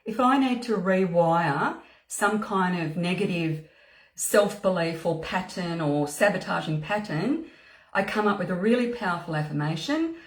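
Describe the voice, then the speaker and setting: A woman's voice: fairly low pitch, animated, a little slow, roomy sound. A woman speaking as a spiritual mentor, giving an earnest motivational talk with lots of "you know" and "okay" and words repeated for emphasis. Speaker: spiritual mentor and psychic medium.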